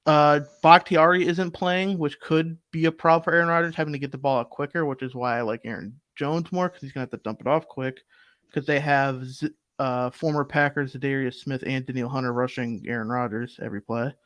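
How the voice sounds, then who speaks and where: A young man co-hosting a sports betting show, arguing football picks in casual, animated talk full of fillers. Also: medium pitch, a little fast, no room sound. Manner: animated, argumentative, rambling with fillers.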